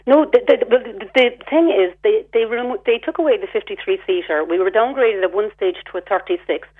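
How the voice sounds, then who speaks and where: Calling a radio phone-in, an Irish woman airs a grievance at length, recounting exactly what was said in her exchanges. She speaks at medium pitch, a little fast, and the audio comes through a phone line.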